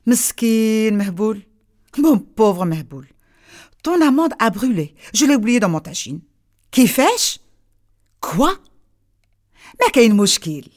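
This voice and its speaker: A woman's voice: on the high side, big pitch swings, takes it slowly, long pauses, a little mellow, full character voice. A woman doing a fussing village neighbor. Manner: fussing and exclaiming.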